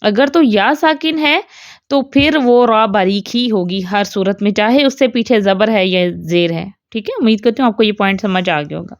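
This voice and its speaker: A woman teaching a recitation lesson who explains step by step, checks understanding often, and slowly chants the example words. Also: mid-range voice, no echo, clean studio sound. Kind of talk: tajweed lesson in Urdu.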